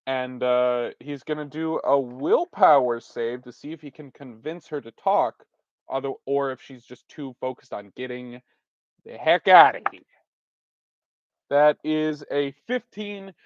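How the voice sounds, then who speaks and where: A man's voice: mid-range voice, unhurried, darkish tone, clear, resonant tone, no room sound. A man narrating a solo tabletop game as its game master, thinking aloud and poking fun at himself. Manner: musing aloud, self-deprecating. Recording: dull, dry recording.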